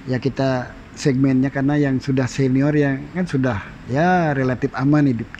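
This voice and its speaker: A man interviewing a guest in casual conversation, with frequent short affirmations and gently probing questions. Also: mid-range voice, steady tone, moderate pace, highs cut off, slight background noise.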